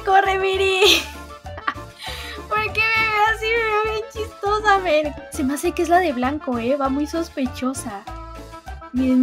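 A woman giving excitable gameplay commentary, laughing often and bursting into exclamations. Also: extremely high pitch. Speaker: gaming video host.

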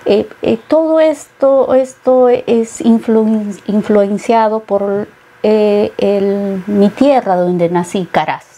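A woman's voice: medium pitch, takes it slowly, dark tone. A middle-aged woman from Peru, a painter being interviewed, speaking thoughtfully with many hesitations. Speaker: painter guest. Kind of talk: interview conversation. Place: studio set with bookshelves.

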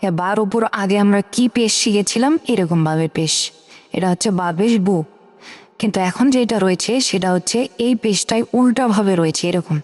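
A woman's voice: medium pitch, brisk, a little mellow, in a large hall. A woman teaching Quran reading, who patiently drills letter pronunciations one by one and repeats key points. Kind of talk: step-by-step recitation lesson.

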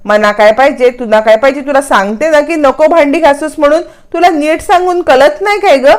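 A woman's voice: sits high, brisk, pitched above the performer's own voice, lightly acted. A woman voicing a stern, bossy mother-in-law. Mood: scolding. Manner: scolding, bossy.

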